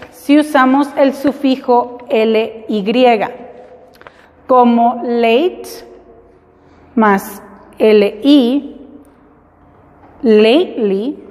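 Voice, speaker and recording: A woman teaching an English class, slowly and patiently, spelling words out letter by letter. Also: fairly high pitch, a little mellow, in a large hall. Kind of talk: classroom lesson.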